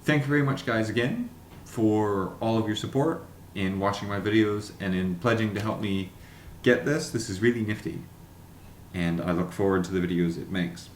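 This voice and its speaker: Speaking to camera as a vlogger, a man with a voice on the low side keeps up a chatty, wry unboxing commentary, reading things aloud haltingly. The sound is reverberant with slight background noise.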